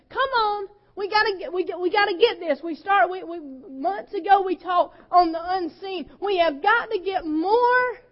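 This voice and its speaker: A woman pastor preaching a sermon with passion, her voice sometimes breaking with emotion and swinging between loud and soft. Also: extremely high pitch, lo-fi sound.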